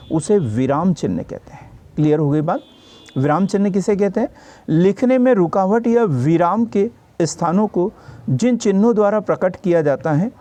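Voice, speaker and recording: A man's voice: sits high, dark tone. A man teaching a grammar lesson for exam preparation. He explains patiently, repeats each definition and checks in with his students.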